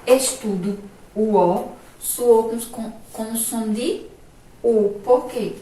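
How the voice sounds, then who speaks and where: A woman primary school teacher from Sergipe in Brazil gives a remote spelling lesson to young children. She talks slowly and patiently and keeps asking the children if they follow. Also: fairly high pitch, steady tone, dark tone. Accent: Sergipe Brazilian Portuguese. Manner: slow, patient, asks checking questions. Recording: echoey room, voice from a distance.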